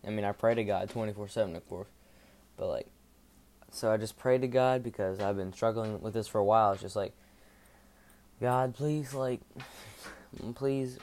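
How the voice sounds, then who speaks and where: A man speaking in a monotone, giving a casual devotional podcast talk in an informal, rambling way with halting self-corrections. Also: lowish voice, a little hiss or hum.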